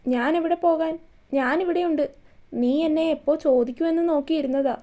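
Storybook reading: a woman playing a teasing middle-aged father with a mellow voice. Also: high-pitched, a little fast, lightly acted. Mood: joking. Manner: joking.

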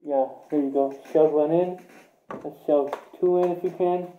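A man's voice: fairly high pitch, steady tone, unhurried, echoey room, dull audio, slight background noise. A young man casually reviewing gear, talking offhand and rambling while wearing a gas mask that muffles his voice. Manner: rambling, offhand, lots of fillers. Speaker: product reviewer. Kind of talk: casual product review vlog.

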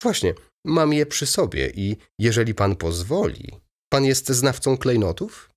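A man reading an audiobook voices a fussy, excitable aging male baron in a raised, eager, chattering manner. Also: mid-range voice, a little slow, pitched above the performer's own voice.

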